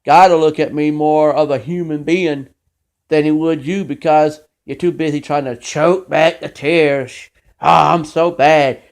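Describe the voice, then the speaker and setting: A man's voice: on the high side, fairly even intonation, measured pace, a little mellow. A man hosting his own show, delivering an impassioned, scolding monologue about faith. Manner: preachy, emphatic, scolding. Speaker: show host.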